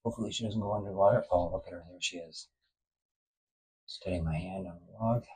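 A man chats casually while filming outdoors beside an enclosure. His voice is deep, husky and mellow, and he keeps asking easygoing, curious questions. The sound is dry and close. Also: a little fast, no echo. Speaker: vlogger filming a visit. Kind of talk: casual handheld vlog chat.

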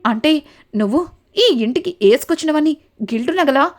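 A woman voicing a loud, blunt young woman accusing her sister-in-law of cheating her. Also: sits high, lively intonation, brisk.

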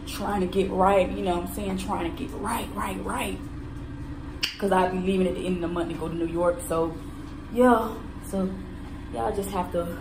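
This is casual vlog talk from a woman in her thirties, addressing a phone camera held close at arm's length while in a car and a hotel bathroom. She's blunt and profane and says things more than once. Her voice sits lowish; the audio is roomy with background noise.

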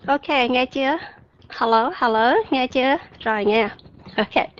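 A woman's voice: high voice, unhurried, muffled recording. A woman teaching an online English pronunciation lesson, chatty and checking often on her listeners.

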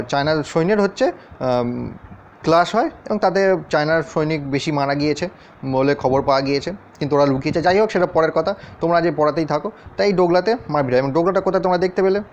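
In a lo-fi recording with a dull sound and slight background noise, a man with a fairly high voice teaches an exam-prep lesson over a map. He addresses his students directly and often checks in with them through questions.

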